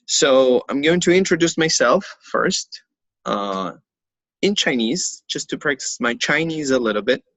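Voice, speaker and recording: A man's voice: mid-range voice, expressive, measured pace, a bit bright, no echo, low-quality recording. A young man from Argentina, an English teacher, introducing himself in an online lesson with many hesitations and fillers.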